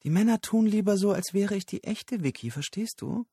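A woman's voice: mid-range voice, normal speed, mellow, breathy edge, no echo, studio quality, pitched above the performer's own voice. A man voicing a brash, teasing young female street hustler in an audiobook. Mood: indignant. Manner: teasing, brassy, scornful.

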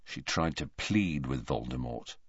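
A man voicing a quiet, steady teenage boy who presses his point in a level voice, in a storybook reading. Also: fairly low pitch, slow, dry recording, highs cut off, pitched above the performer's own voice, exaggerated voice. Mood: near whisper.

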